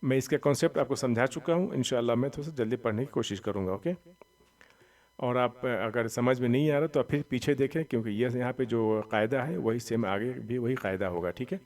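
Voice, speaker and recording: A man teaching Quran reading, spelling out letters slowly and loudly and then explaining quickly and softly, often checking "theek hai?". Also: medium pitch, distant mic. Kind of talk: slow step-by-step recitation lesson.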